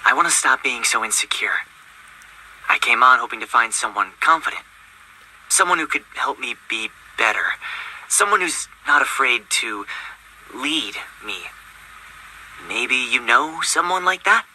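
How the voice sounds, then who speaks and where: A man voicing a masked young man in a dating game, speaking smoothly and fluently. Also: medium pitch, expressive, slow, long pauses, bright, forceful tone, a little hiss or hum, full character voice, low-quality recording. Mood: gentle. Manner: smooth, fluent, self-assured delivery.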